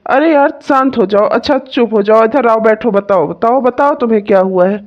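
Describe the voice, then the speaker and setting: A voice actor playing a kind young husband in a cartoon who gently comforts his wife. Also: medium pitch, a little fast, muffled recording, natural voice. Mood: coaxing. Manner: gentle, coaxing, reassuring. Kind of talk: cartoon voice acting.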